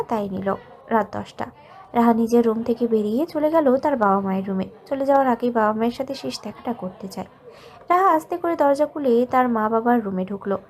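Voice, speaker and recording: A woman narrating an audio love story from a script, in a soft, measured and emotional way. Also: sits high.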